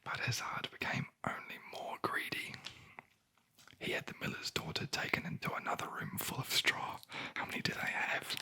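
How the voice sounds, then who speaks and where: A sleep story narrator whispering a fairy tale in a breathy ASMR voice, with dry, wry asides. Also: moderate pace, rough recording. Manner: wry, deadpan commenting on the story.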